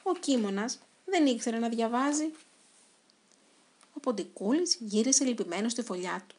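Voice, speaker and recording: A woman narrating a children's storybook in an expressive, dramatic way. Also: fairly high pitch.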